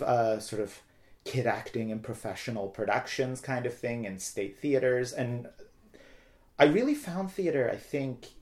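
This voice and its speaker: A talkative middle-aged man from Turkey, a theater director appearing as an interview guest, casually shares personal stories. His voice is medium-pitched with a darkish tone.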